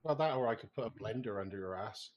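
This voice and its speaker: A man's voice: fairly low pitch, lively intonation, fast, dull audio. A man playing a tabletop game, chatting casually in a wry way. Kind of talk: casual chat.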